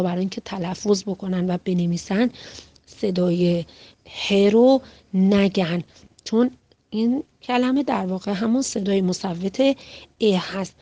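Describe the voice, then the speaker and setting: A woman in an instructional lecture, addressing fellow teachers in a measured, deliberate way. She sounds out single letters and sample words one by one, with pauses between them. The recording is dry and close, with no room echo. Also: mid-range voice, darkish tone. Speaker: teacher trainer.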